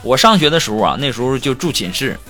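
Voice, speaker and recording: A man's voice: mid-range voice, sing-song, quick pace, bright, forceful tone. A man hosting a comedy show, telling funny anecdotes with laughing asides. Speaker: comedy podcast host. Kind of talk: joke storytelling. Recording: music bed behind voice.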